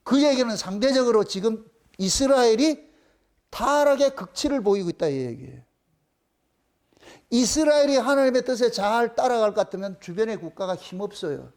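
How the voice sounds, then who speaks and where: A man's voice: extremely high pitch, expressive, moderate pace, darkish tone. A male pastor with a Gyeongsang Korean accent, preaching a sermon in an emphatic, mocking way, full of rhetorical questions.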